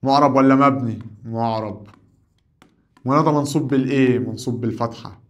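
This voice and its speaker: A man's voice: mid-range voice, fairly quick, lo-fi sound. Egyptian man drilling grammar questions. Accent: Egyptian Arabic. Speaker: Arabic teacher.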